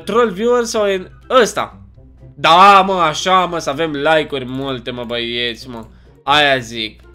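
A young man with a Romanian accent, chatty and jokey, giving casual commentary while playing a video game. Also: fairly high pitch. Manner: chatty, animated, jokey, often puzzled and exclaiming. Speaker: gaming YouTuber.

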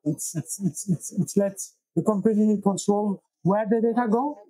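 A man from Belgium in his thirties, speaking in a high, husky voice with a warm, dark tone. He talks haltingly, restarting often. Dry, close sound from a lapel mic. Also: dry recording, low-quality recording. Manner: halting, many restarts and fillers. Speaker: guest, software engineer and founder. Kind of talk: casual interview. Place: small wood-paneled room, indoors.

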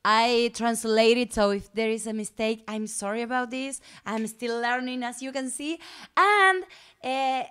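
Female stream host, earnest, non-native English, slow and smooth. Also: fairly high pitch, a bit bright. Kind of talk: live-stream announcements.

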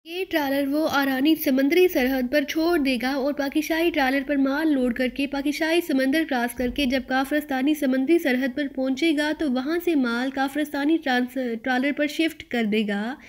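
A woman's voice: high voice, steady tone, close to an everyday voice. A woman voicing a panicked male smuggler. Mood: fearful pleading. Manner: halting, panicked pleading. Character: terrified male smuggler under interrogation.

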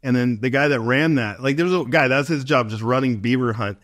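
Lively storytelling man. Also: mid-range voice, brisk. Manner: animated storyteller, acts out quotes. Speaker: podcast guest. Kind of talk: casual storytelling chat.

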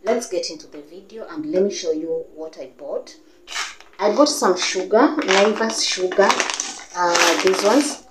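A woman's voice: lowish voice, unhurried, reverberant, noisy background. A young Kenyan woman with a Kenyan English accent, chatting casually to camera about her grocery haul, full of fillers and restarts. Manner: chatty, gestures a lot, many fillers and restarts. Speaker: vlogger. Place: living room with a sofa, indoors.

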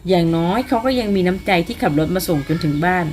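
A woman narrating a romance novel as an audiobook, telling the story in a smooth, even way. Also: on the low side, quick pace, slight background noise.

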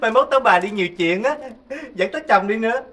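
A man's voice: high voice, lively intonation, brisk, bright, forceful tone, recorded from a distance. An actor playing a gossipy, henpecked male kitchen god in a stage comedy sketch, complaining in whiny exclamations.

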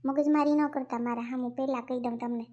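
A bossy young wife in a cartoon, played by a woman, nagging. Her voice is high and insistent. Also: steady tone, fast talker, warm tone. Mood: scolding. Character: sharp-tongued young wife.

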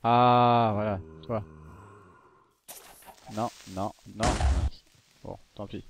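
A man's voice: lowish voice, fairly even intonation, extremely slow, heavy background noise. Chatty man gaming. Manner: chatty, rambling, coaxing the mobs. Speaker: gaming YouTuber. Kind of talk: casual let's-play commentary. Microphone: desktop microphone.

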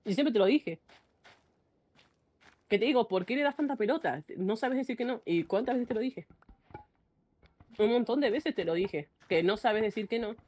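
A woman's voice: on the high side, animated, normal speed, long pauses, darkish tone. Blunt ranting woman, Argentine Spanish accent. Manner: blunt, ranting, frequent self-interruptions. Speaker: streamer. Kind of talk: casual live-stream chat.

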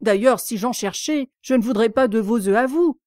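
A woman's voice: on the high side, normal speed, dark tone, dry recording, clean studio sound, close to an everyday voice. A woman reading aloud voices a frank, indignant little girl who sometimes hesitates. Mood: earnest.

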